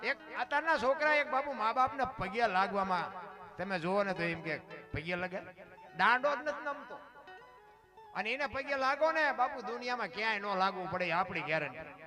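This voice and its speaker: Kathiawadi gujarati guy preaching at a dayro, high voice, goes soft then loud, music clearly playing under him. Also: expressive, normal speed. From Gujarat, India. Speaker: folk dayro speaker. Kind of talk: dayro moral talk to a seated audience. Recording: live talk over clear instrumental music. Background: instrumental music playing under the talk.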